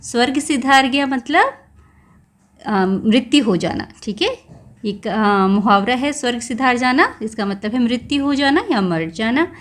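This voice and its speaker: A woman's voice: fairly high pitch, expressive, measured pace. A woman teacher explaining a textbook story to young children, patiently stopping to explain words and phrases.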